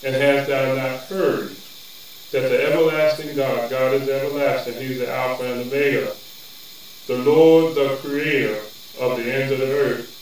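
A man preaching a sermon as bishop, building into a fervent cadence with drawn-out words. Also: mid-range voice, steady tone. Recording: echoey distant room with faint noise.

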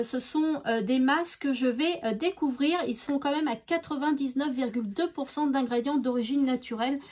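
A middle-aged woman talks through her shopping haul in a relaxed, chatty way, often pausing to find her words. Her voice sits high and her tone stays upbeat about the products. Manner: chatty, frequent hesitations, enthusiastic about products. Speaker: beauty vlogger. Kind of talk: casual haul chat to camera.

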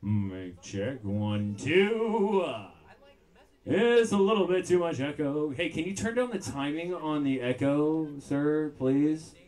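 A man's voice: on the high side, lively intonation, slow pace, a little mellow. A man doing a casual soundcheck on a live stage, his voice run through a heavy echo effect on the vocal mic. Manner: easygoing, politely asking the sound man. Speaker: band singer at a soundcheck.

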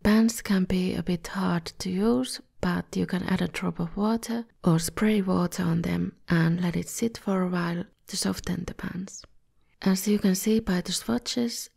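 A woman reads the narration for an art tutorial she hosts, a scripted voice-over delivered while she's a bit ill. Her fairly low voice comes across gravelly, husky, slightly scratchy and a little mellow.

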